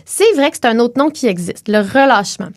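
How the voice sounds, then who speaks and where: A young woman with a Québécois accent explains phonetics on a podcast, slowing down whenever she demonstrates a sound. Her voice sits a little high and moves a lot. The recording is close and dry. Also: expressive, no room sound. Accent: Québécois French. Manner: clear teacherly delivery, slows to model sounds.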